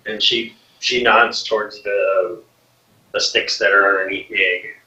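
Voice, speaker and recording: A man with a bright, forceful voice runs a tabletop game, narrating casually and breaking into quick character voices. The sound is dull and lo-fi, with a roomy echo as if he sits away from the mic. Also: steady tone. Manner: casual, laughs often, voices characters with quick pitch jumps. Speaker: game master. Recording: lo-fi echoey mic from a distance.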